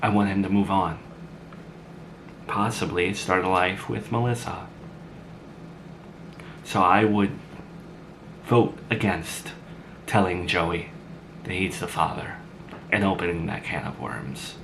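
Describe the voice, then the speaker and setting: A man's voice: low voice, takes it slowly, gravelly, pauses often, background noise, heavily acted. A man voicing a blunt, sarcastic grown woman who had a child young, in an amateur drama. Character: blunt sarcastic mother, grown woman, once a teen mom.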